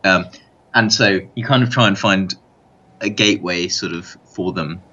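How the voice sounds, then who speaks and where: Deep bright-toned man, dull lo-fi sound. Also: breathy edge. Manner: measured, hedging with "sort of" and "kind of". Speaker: podcast panelist. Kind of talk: casual podcast chat.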